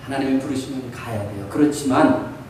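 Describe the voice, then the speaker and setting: A man's voice: mid-range voice, a little fast, a little mellow. A man preaching an earnest graduation sermon, urging his listeners on. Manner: earnest exhortation, reading a quoted letter aloud. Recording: echoey hall, mic far off, faint noise.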